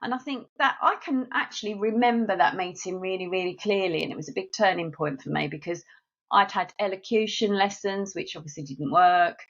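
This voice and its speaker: Talking briskly in a medium-pitched, slightly bright voice, a middle-aged South East London woman shares friendly, chatty stories. She runs a marketing agency and is a guest in a laid-back podcast interview. The sound quality is lo-fi.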